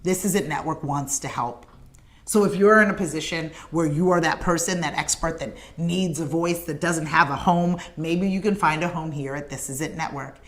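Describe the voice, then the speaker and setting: On a morning livestream, a female host with a low-sitting voice delivers an earnest, emphatic appeal at a moderate pace. She speaks directly to the camera in a repetitive, rallying cadence, naming viewers from the comments.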